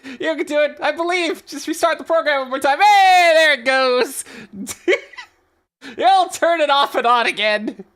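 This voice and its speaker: A woman streamer chatting casually to her viewers, giggling as she fixes crashing software. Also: high-pitched, fairly quick. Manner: giggly, self-amused while fixing crashing software. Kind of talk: casual live-stream chat.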